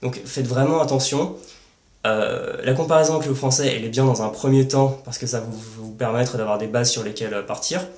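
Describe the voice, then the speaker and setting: A man's voice: mid-range voice, fairly even intonation, fairly quick, darkish tone, roomy sound. A man hosting a language-learning lesson, explaining step by step with worked examples and frequent hesitation fillers. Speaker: language-learning channel host.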